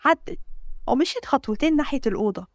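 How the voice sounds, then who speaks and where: A woman with an Egyptian Arabic accent narrating a story in a brisk, matter-of-fact way. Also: sits high, animated, no echo, studio quality.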